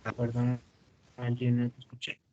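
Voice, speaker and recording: A young man speaks in a casual class discussion, hesitant and full of fillers. His voice comes through a video call that keeps glitching and cutting out. The audio is dull and lo-fi, and his pitch sits in a plain middle range. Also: monotone, normal speed, a little mellow. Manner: hesitant, many fillers and restarts. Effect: choppy, glitching call audio from a weak connection. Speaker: student in a group discussion. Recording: muffled lo-fi online call audio.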